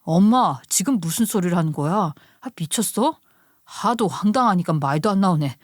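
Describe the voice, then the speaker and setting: A woman's voice: lowish voice, animated, normal speed, no echo, clean studio sound, pitched below the performer's own voice. A woman voicing a flustered husband who sounds exasperated and pleading. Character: flustered husband caught between wife and mother.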